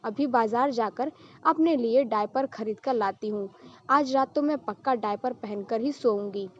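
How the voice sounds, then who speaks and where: Brief: sheepish, pleading young wife, read by a woman, high voice, muffled audio. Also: unhurried, a little hiss or hum, natural voice.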